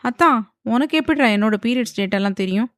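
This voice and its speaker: A woman's voice: on the high side, expressive, fast, no echo, studio quality, voice pushed up, lightly acted. A woman voicing a sassy, playful young wife in an audio novel, cheeky and sarcastic.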